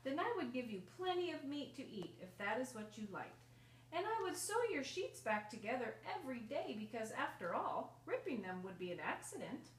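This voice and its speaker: A woman performs a loving, patient storybook mother, tender, singsong and reassuring. Her voice is high and pushed upward, very animated, at a normal speed. The sound is roomy, with a distant mic and faint noise.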